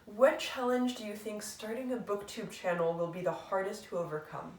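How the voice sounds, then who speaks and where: The host of a booktube channel works through a tag, loosely and thoughtfully, full of fillers and jokes at her own expense. She has a medium pitch and moderate pace, sitting far from the mic in an echoey room.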